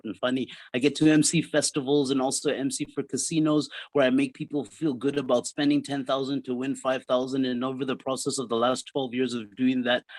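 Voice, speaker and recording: A South African man in his fifties, a comedian guest in a casual interview, telling his story with quick jokes. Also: medium pitch, darkish tone, no echo, rough recording. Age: 50s. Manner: jokey, quick one-liners.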